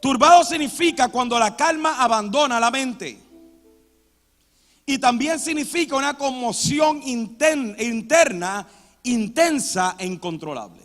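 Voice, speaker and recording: A man preaching a sermon in a church, with sudden loud dramatic outbursts. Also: extremely high pitch, expressive, measured pace, soft background music. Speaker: pastor. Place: church sanctuary. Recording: long church hall reverb.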